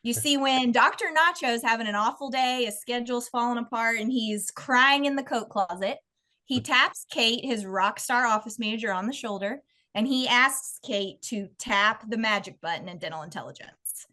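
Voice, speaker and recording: A woman delivers a playful sponsor pitch to dentists. Her voice sits a bit high and rings bright and crisp, and she tells her story theatrically. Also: moderate pace. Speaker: director of partnerships, sponsor. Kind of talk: rehearsed pitch with jokes.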